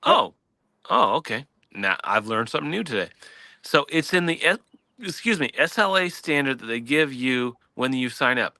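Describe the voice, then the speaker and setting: A man's voice: mid-range voice, big pitch swings, normal speed, bright, forceful tone. A man hosting a casual industry panel discussion, hiccuping now and then.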